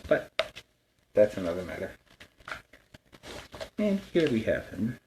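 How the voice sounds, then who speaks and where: Man playing low-voiced, chatty Spider-Man storyteller. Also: sing-song, takes it slowly, dark tone, a little hiss or hum, poor audio. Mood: friendly, explaining. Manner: friendly, rambling, explains things simply. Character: Spider-Man, friendly, chatty masked superhero telling stories. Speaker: host of a story time series. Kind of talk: casual in-character storytelling to children.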